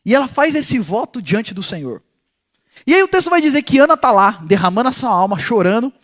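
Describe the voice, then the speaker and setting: A man teaching a Bible passage in an animated storytelling way, talking directly to his listeners. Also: extremely high pitch, a little fast. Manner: speaks directly to listeners as "gente". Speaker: pastor teaching a Bible study.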